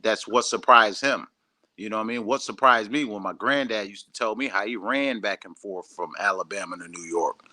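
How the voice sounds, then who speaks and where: Emphatic low-voiced man hosting a livestream. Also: a little fast, no room sound. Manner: animated, emphatic, repeats words, reads viewer comments. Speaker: livestream host. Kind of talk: casual livestream chat.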